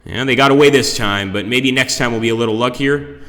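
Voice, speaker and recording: A man gives casual live commentary on a game he is playing, addressing his viewers as he goes. His voice is bright and forceful at a middling pitch. It rings with a long, cave-like echo from the conference room he streams in. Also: fairly quick. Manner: talks to viewers, greets them by name.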